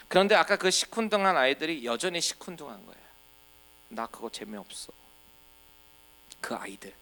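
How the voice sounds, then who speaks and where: A man's voice: medium pitch, creaky, fairly bright tone. A middle-aged male pastor from Korea preaching a sermon in a folksy storytelling way, acting out little scenes. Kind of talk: expository sermon.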